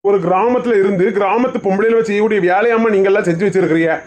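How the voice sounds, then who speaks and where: A woman's voice: mid-range voice, a little mellow, close to an everyday voice. A woman playing a stern male village headman who questions the accused in a comedy skit. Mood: lecturing. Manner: questioning, measured.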